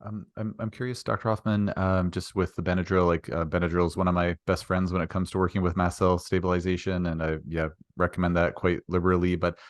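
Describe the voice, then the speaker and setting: Young guy host, low voice, talks quick, lots of ums, super polite. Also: little pitch movement, no room sound, studio quality. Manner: polite, hesitant, many fillers, apologetic. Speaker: interview host, naturopathic doctor. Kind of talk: interview.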